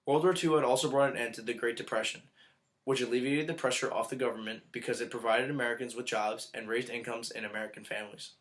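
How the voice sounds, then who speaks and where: A man's voice: medium pitch, steady tone, fast, fairly bright tone. A man reading scripted historical narration aloud in a formal, report-like way.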